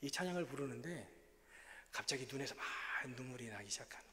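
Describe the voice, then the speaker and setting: A missionary preacher with a fast, medium-pitched, somewhat bright voice and lively intonation gives an earnest, confessional sermon testimony in a church sanctuary. The hall is reverberant with faint ambience, plus a little hiss or hum.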